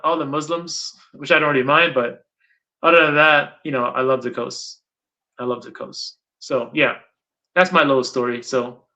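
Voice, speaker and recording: Bright-voiced middle-aged man, rambling interviewer. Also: a little high. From Guyana. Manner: rambling, repeats points for emphasis. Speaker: interviewer and channel host. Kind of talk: casual interview talk. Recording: dull lo-fi sound.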